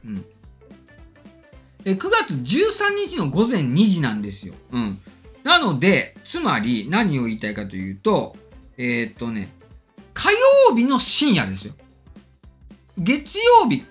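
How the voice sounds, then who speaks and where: A man's voice: a little high, a bit bright. A middle-aged man chatting casually as a tech channel host, reading and answering viewer comments politely and emphatically, his diction slightly slurred by orthodontic braces. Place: indoor studio or room, seated at desk. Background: faint music.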